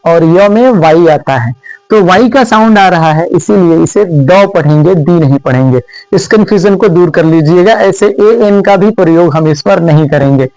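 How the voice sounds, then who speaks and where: A man with a Hindi accent teaches a spoken English lesson in a high voice, taking his time and drawing each example word out slowly. He asks his viewers questions as he goes, and the recording is dry and close, with no room echo. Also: darkish tone. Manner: explains step by step, repeats example words slowly.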